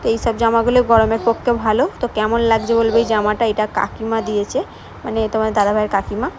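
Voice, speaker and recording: A woman's voice: fairly high pitch, monotone, fast talker, a little hiss or hum. Chatty young Bengali mother vlogging. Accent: West Bengal Bengali. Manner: chatty, addresses viewers directly. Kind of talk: casual vlog narration to viewers.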